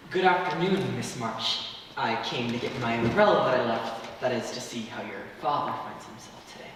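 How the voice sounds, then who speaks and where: A man's voice: mid-range voice, expressive, normal speed, natural voice. A man playing an earnest, courteous tutor in love, in a polite, formal manner, in a stage play. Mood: earnest, hopeful. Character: earnest, courteous young tutor, a devoted suitor. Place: theater stage, recorded from the audience area. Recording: echoey theater, distant mic, faint noise.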